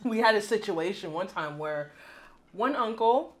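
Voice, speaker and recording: A woman's voice: mid-range voice, animated, unhurried, heavy background noise. A young woman co-hosting a family podcast. She is upbeat and giggly and often finishes other people's sentences. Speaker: podcast co-host, daughter of the family. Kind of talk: casual family chat.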